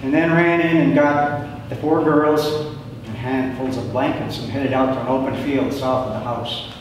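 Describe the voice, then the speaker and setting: An older man giving a prepared talk of family history to an audience, in a plain, measured storytelling way with pauses. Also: medium pitch, fairly even intonation. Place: large echoing indoor hall. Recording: very echoey hall, distant mic, background noise.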